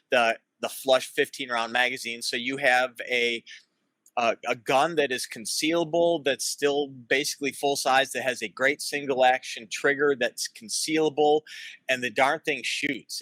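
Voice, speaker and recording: A man co-hosting a casual interview, talking haltingly with many restarts. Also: mid-range voice, pushed and bright, no echo. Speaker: handgun editor, co-interviewer.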